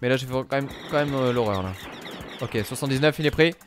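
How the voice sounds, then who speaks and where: A young man streaming a video game live, commentating excitably, swearing and shouting at the game. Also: mid-range voice, fast talker, faint music behind. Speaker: gaming streamer.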